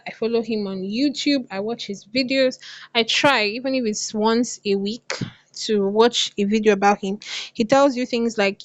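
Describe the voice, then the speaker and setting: A woman's voice: on the high side, no room sound, highs cut off. A woman with a lisp and slushy s sounds, teaching casually as a coach and repeating phrases for emphasis. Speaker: copywriting coach. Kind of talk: casual online lesson to viewers.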